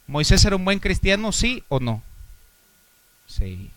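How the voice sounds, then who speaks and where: A Mexican man, a pastor, preaching a sermon with a Mexican Spanish accent. He poses rhetorical questions to the congregation and swings between loud exhortation and quiet asides. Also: high-pitched, very animated, a little slow, dry recording.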